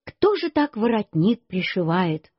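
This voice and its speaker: A woman's voice: mid-range voice, big pitch swings, unhurried, breathy edge, no room sound. A woman reading a children's story, voicing a stern old grandmother who scolds the children curtly. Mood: scolding. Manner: curt, scolding. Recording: dull lo-fi recording.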